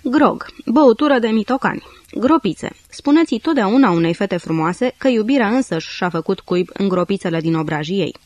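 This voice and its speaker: A woman reads an audiobook in a measured, dry way, taking one dictionary entry at a time. Her voice sits in a middle pitch, and the recording is very dry and close, with no room sound. She lowers her voice to round off each note. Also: animated, no room sound. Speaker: audiobook narrator. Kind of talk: scripted audiobook reading.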